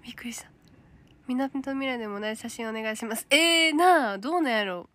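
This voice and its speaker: Woman, Kansai accent, casual livestream chat, reads comments aloud, somewhat high voice. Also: quick pace. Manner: chatty, reads comments aloud, drops to a soft whisper at times. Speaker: idol livestreamer reading viewer comments.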